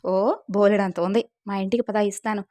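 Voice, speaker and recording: A woman's voice: mid-range voice, steady tone, normal speed, warm tone, close to an everyday voice. A woman voicing an innocent, devoted young girl who speaks earnestly and pleads.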